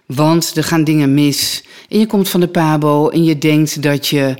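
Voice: mid-range voice, steady tone, a little slow, a little mellow. A chatty interviewer retelling a story. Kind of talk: conversational interview.

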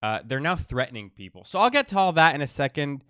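A man hosting a casual podcast monologue, wheezy and short of breath while recovering from illness, halting with pauses and repeated phrases. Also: a little high, big pitch swings, bright, forceful tone, no room sound, clean studio sound. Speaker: podcast host.

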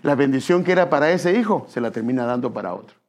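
A man's voice: mid-range voice, animated, fast, darkish tone. A man preaching a sermon, chatty, asking his listeners questions and calling them brother. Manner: conversational, addresses listeners as brother, asks questions.

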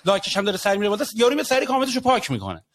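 A man with a noticeably high voice chats on a casual podcast. He tells his stories animatedly, slipping into quick impressions of other people. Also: dry recording. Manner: animated, storytelling with acted quotes. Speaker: podcast co-host.

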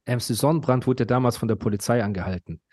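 A man's voice: mid-range voice, quick pace, a little mellow, dry recording, clean studio sound. A man hosting a podcast, telling stories and ranting casually in long, nonstop chatty runs full of slang. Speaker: podcast host.

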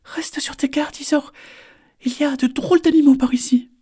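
A man voicing a small, chatty female turtle in a storybook, with a squeaky, breathy voice that often drops to a whisper. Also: steady tone, normal speed, warm tone. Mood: urging.

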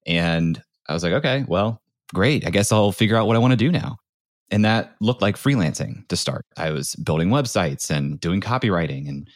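A man's voice: low voice, no room sound, studio quality. A man from the United States giving an informal, conversational account as a podcast guest, often saying "like". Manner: informal, peppers speech with "like". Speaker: podcast guest, startup founder turned creator. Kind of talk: conversational interview storytelling.

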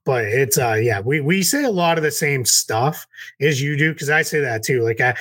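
A man's voice: medium pitch, fairly bright tone, no echo. A man from Massachusetts co-hosting a podcast, chatting casually about basketball from his home office, rambling with lots of fillers and laughs. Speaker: podcast co-host. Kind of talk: casual sports chat.

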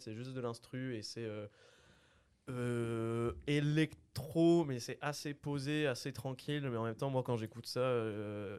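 A man's voice: mid-range voice, smooth. A young man hosting a casual podcast chat, talking with lots of hesitant fillers. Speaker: podcast host.

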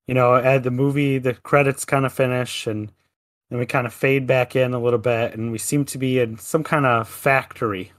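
A man walks through a scene in a steady, descriptive way, dropping "kinda" as he goes. His voice sounds close and completely dry. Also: medium pitch, moderate pace, no room sound. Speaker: podcast co-host. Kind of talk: casual chat.

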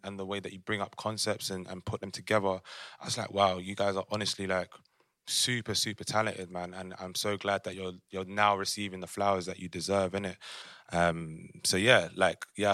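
A London man with a low, bright and forceful voice, recorded dry and close. He co-hosts casually, gushing in street slang. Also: no echo. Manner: slangy, effusive. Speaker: podcast co-host. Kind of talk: casual chat.

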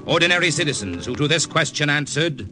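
A male announcer introduces a drama in a formal, measured 1940s radio style. Music plays clearly behind his voice in this old broadcast. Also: fairly high pitch, animated.

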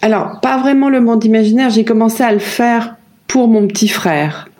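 Hesitant French woman with a dark voice. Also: on the high side, moderate pace. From France. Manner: hesitant, many fillers and restarts. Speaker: brand founder, guest. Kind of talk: reflective interview answers.

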